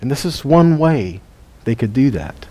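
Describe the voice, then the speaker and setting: A man with a medium-pitched, dark voice that swings widely in pitch speaks a little slowly. As teacher of a weekly Torah study, he gives a conversational Bible lesson to a live group, asking questions and chuckling between points.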